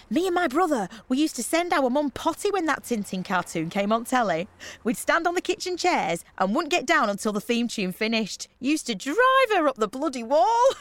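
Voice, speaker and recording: A woman voicing a brash, loud party girl who talks in slang and swears casually. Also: high-pitched, sing-song, moderate pace. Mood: cheeky. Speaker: trip organiser.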